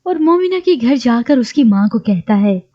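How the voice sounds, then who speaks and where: A woman narrating a recap of a TV drama in a steady storytelling read. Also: on the high side, normal speed, muffled recording.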